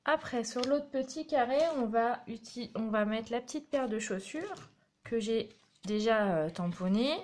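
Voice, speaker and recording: A woman's voice: fairly high pitch, expressive, unhurried, slight background noise. A woman hosting a craft tutorial, chatting and encouraging viewers as she demonstrates step by step. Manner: chatty, encouraging, talks while working.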